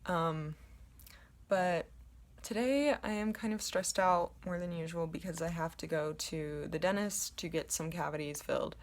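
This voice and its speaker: A young woman vlogging casually at home to a camera, with a low voice and a rambling, chatty way of talking full of ums. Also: measured pace. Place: at home, indoors in her apartment. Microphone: camera in front of her.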